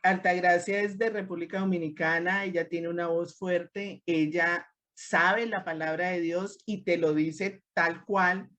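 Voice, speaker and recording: Woman leading a lively women's class. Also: fairly low pitch, unhurried, few pauses, dull audio. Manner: lively, acts out quoted speech. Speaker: discipleship class leader. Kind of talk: teaching a group discussion.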